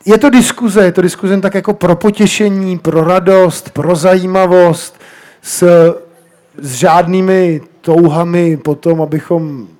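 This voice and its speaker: A man's voice: sits high, steady tone, darkish tone. A man moderating a live festival panel on a shared handheld microphone, chatty and joking, switching between Czech and German. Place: outdoor street festival stage.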